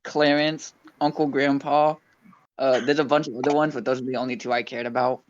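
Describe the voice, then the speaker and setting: A man guests on a casual podcast, hesitating and restarting as he talks. His mid-pitched voice comes through somewhat dull and muffled. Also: little pitch movement, brisk, a little hiss or hum. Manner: hesitant, lots of ums and restarts. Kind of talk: casual chat.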